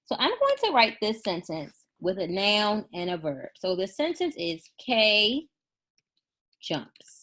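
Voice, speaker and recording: A woman teaching a first grade class in a recorded remote lesson, patient and encouraging, slowing down to spell out sample sentences. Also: mid-range voice, big pitch swings. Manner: slow, deliberate dictation of sample sentences.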